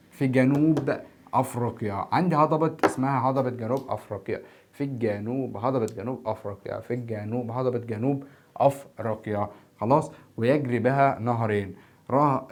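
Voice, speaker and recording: A man's voice: mid-range voice, a little mellow. A tired man teaching a geography lesson in Egyptian Arabic, repeating key terms and asking and answering his own questions. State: tired, filming at four in the morning. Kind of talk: exam-prep geography lesson. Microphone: standing before a camera.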